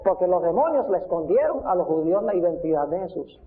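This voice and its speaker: A man's voice: high voice, very animated, quick pace. A man preaching a sermon as pastor, emphatic and asking his congregation rhetorical questions. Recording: tinny phone-like sound.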